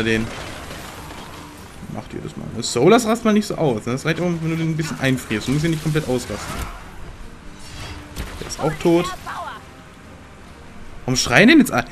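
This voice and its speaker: A young man commentating his gameplay in a slangy, excitable way and talking back to the game characters. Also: a little high, a little hiss or hum. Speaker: let's play gamer.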